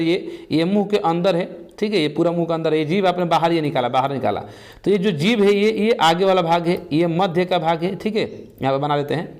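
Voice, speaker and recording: A man's voice: sits high, darkish tone. A man teaching an exam-prep lesson, who asks the class questions and answers them himself, repeating the key terms step by step.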